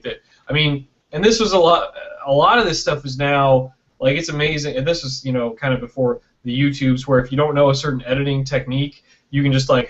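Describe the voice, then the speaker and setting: This Michigan-born film producer and director has a mid-range voice and talks conversationally as a guest on an online interview. Expect plenty of "you know" and "right?", plus acted-out imagined quotes, all over dull, lo-fi internet call audio.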